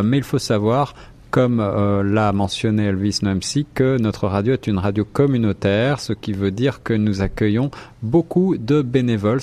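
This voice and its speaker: Low-voiced man full of hesitations. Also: darkish tone. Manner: hesitant, many fillers. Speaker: radio show host. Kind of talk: live radio round-table.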